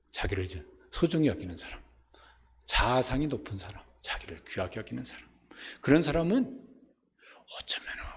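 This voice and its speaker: A man preaching a sermon as a pastor, animated and acting out quoted voices. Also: fairly high pitch, big-room sound.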